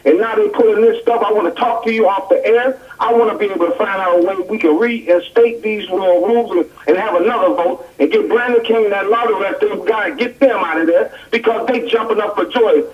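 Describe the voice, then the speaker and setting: A man's voice: high voice, brisk, few pauses. A radio show caller, a man, ranting angrily down a phone line. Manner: angry, ranting. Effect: phone caller heard over the radio. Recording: muffled distant phone line with loud crowd noise.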